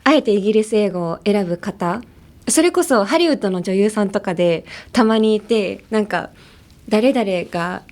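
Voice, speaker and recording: This podcast host is a young woman from Los Angeles with an American English accent and a mid-range, somewhat mellow voice. Her talk is a relaxed bilingual chat, full of laughter as she shifts from one language to another.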